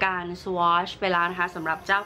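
A woman beauty vlogger gives an upbeat, chatty makeup review while explaining every step. She speaks at a normal speed in a lowish, level voice, with loud music behind it.

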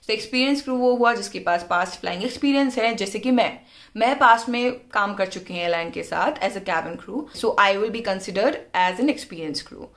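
Young woman, Indian English accent, unhurried, mid-pitched, advice vlog, switches between Hindi and English, camera close-up indoors. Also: animated, fairly bright tone. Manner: mixes Hindi and English, frequent "ठीक है" check-ins, explanatory. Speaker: former cabin crew giving career advice. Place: indoor room, plain wall.

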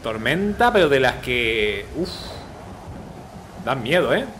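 A man's voice: mid-range voice, sing-song, takes it slowly, fairly bright tone, slight background noise. A man, a gaming video host giving casual gameplay commentary, chatty and thinking aloud with repeated filler words.

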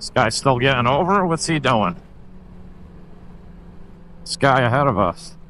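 A man's voice: medium pitch, sing-song, unhurried, a bit bright, low-quality recording. A man, giving casual, swearing commentary on a motorcycle ride from a helmet mic. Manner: laid-back, swearing, chatty. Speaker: motovlogger. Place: on a motorcycle on a highway. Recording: wind and engine noise behind.

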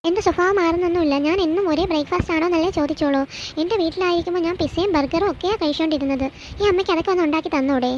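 A spoiled rich young bride in a cartoon skit, whiny and petulant, voiced by a woman. She talks quickly in a high voice, and the recording is dull and lo-fi with a faint hiss. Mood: indignant. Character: spoiled rich young daughter-in-law, complaining and demanding.

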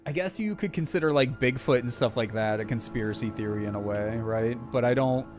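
A man's voice: medium pitch, brisk, faint music behind. A young man casually chatting with his viewers as he streams a game, rambling along with lots of filler words. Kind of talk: casual live-stream chat while playing.

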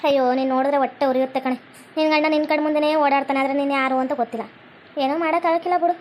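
A woman's voice: high voice, steady tone, rapid-fire, darkish tone, slight background noise, close to an everyday voice. A woman playing a gossiping village neighbor who chatters on, with a North Karnataka Kannada accent. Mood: gossipy.

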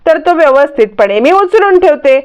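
A woman's voice: sits high, expressive, normal speed, dull audio, pitched above the performer's own voice. A woman voicing a scheming young woman who makes innocent-sounding excuses. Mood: defensive. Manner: defensive, pretending innocence.

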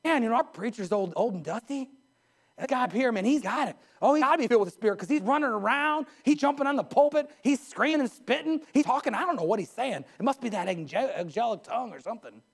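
A man in his forties, a pastor preaching from a pulpit in a church sanctuary, animated and gesturing. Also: very high-pitched, fast, gravelly. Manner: animated, gesturing at a pulpit, mimics others in a raised voice. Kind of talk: sermon. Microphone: pulpit mic.

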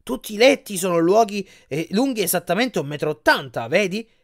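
A smooth-talking giant salesman, voiced by a male reader in a read-aloud storybook, full of oily patter. His pitch rises and falls in lively swoops. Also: a little fast. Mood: smarmy.

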